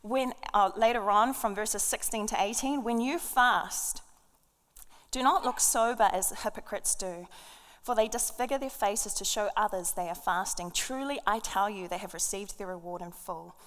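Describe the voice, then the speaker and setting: A woman's voice: mid-range voice, normal speed, a bit bright. A woman preaching a sermon, telling a funny story with energy and laughing at her own jokes before reading scripture. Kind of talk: sermon with a humorous opening story. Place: church hall. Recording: long hall reverb.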